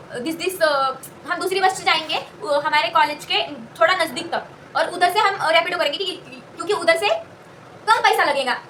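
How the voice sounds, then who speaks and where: A woman's voice: very high voice, pushed and bright, recorded from a distance, a little hiss or hum. A young woman telling a casual story, rambling and correcting herself as she goes. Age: young adult. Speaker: college student telling a story.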